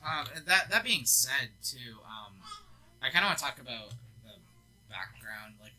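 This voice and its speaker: A man's voice: medium pitch, lively intonation, normal speed, a crowd in the background, poor audio. A young man, co-owner of a gaming lounge, chatting casually about business plans in an easygoing way, with frequent ums and laughs. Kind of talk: casual business update chat.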